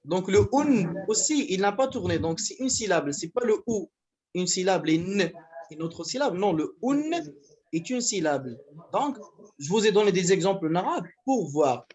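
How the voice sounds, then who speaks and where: A man with a Moroccan accent teaching a university French class over a video call. He explains slowly, stretching out example words and slipping into Moroccan Arabic. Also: sits high, animated, a little mellow. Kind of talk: online class lecture.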